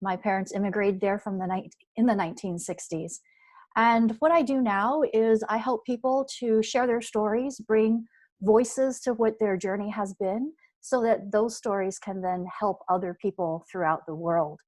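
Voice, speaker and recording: A woman from Canada, a storytelling and book coach, introducing herself politely and clearly. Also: mid-range voice, normal speed, darkish tone. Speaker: guest, marketing and book coach.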